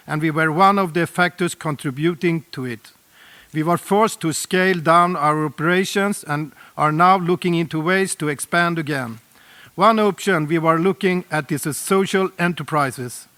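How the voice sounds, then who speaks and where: A middle-aged man from Sweden with a Swedish accent, giving an earnest, deliberate prepared address at a roundtable, with small slips in his English. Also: on the high side, a bit bright. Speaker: speaker at a UN roundtable.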